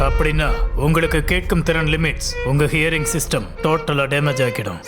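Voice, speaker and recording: A man's voice: fairly high pitch, lightly acted. A man playing a matter-of-fact audiologist. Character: calm male audiologist explaining a diagnosis. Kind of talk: dubbed film drama.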